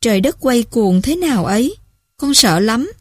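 A frightened teenage girl, drunk and lost, slurs and stumbles over her words as she pleads down a phone line, as a woman reading a story puts her on. Her voice sits a little high, and it is heard dry and close. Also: very animated, husky, no echo. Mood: slurred, frightened. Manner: slurred, halting, pleading.

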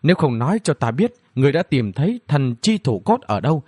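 A bold young male hero, stern and teasing, scolding in a lively, swinging tone, as a man reads him. The voice carries a husky grain. It sits dry and close, like a narrated storybook. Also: mid-range voice, a little fast, dry recording. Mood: mocking. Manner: scolding, mocking.

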